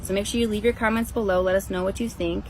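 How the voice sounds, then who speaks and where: A woman's voice: medium pitch, steady tone, fast talker. A woman ghost investigator talking casually to viewers, explaining in a rambling, conversational way. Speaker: ghost investigator presenting her team's recording. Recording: faint background noise.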